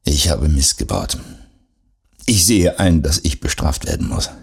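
A man's voice: rumbling low, very animated, normal speed, creaky, slightly rough, voice pushed down, exaggerated voice. A man voicing a cornered, hot-tempered young police officer who defends himself in a tense, defiant way.

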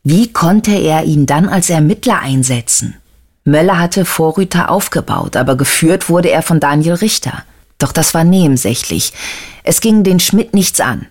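An audiobook narrator reading a crime novel with even, measured storytelling. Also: mid-range voice. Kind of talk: scripted narration.

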